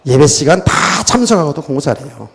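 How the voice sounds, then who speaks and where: A male pastor preaches with a lively, wide-ranging voice that sits a touch high for a man. He swings from hushed asides to sudden loud exclamations. His words ring out with a long reverb through a church sanctuary. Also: fast talker, creaky, breathy edge. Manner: animated preaching, dramatic swings from quiet asides to shouts. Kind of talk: sermon.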